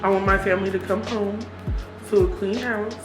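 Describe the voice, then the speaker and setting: A woman's voice: mid-range voice, fairly even intonation, a little fast. A woman vlogger chatting casually and confessionally, candid and reflective, talking herself into encouragement. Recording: roomy echo with music behind.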